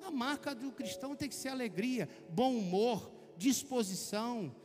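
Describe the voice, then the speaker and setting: A man's voice: extremely high pitch, normal speed. A man with a Brazilian accent preaching a conversational sermon, telling chatty personal stories and calling his listeners brother. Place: church hall. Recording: long hall reverb with faint music.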